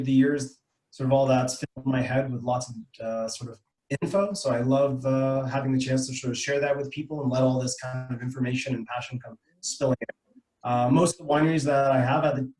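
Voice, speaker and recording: A middle-aged Canadian man with a mid-range, darkish voice presents informally as a wine importer over a video call. He explains things conversationally with some hesitation, his video call microphone picking up an echoey indoor room.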